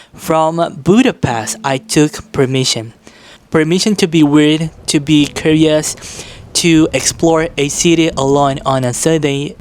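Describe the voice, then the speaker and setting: A man from Brazil giving an earnest, reflective vlog monologue, slowing down on key phrases. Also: mid-range voice. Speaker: vlogger.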